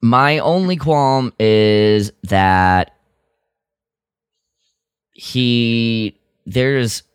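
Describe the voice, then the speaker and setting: A podcast co-host speaks extremely slowly in a medium-pitched, clean-toned voice, recorded dry with clean studio sound. During a casual review chat he sounds exasperated and critical, slipping into mock quotes as he talks.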